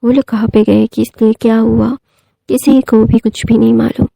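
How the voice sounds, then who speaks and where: Gravelly, dark-voiced woman storyteller. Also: a little high, little pitch movement, moderate pace, no room sound, poor audio. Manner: conversational, many fillers and asides. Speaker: story narrator. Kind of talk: casual storytelling retelling of fan fiction.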